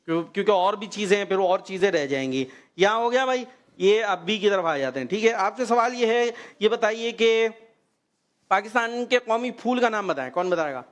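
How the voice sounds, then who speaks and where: A man runs a children's quiz. He talks briskly, hurries the kids along and calls out when an answer is right. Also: sits high, lively intonation, fairly bright tone. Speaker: host of a children's program. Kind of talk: lively quiz hosting with children.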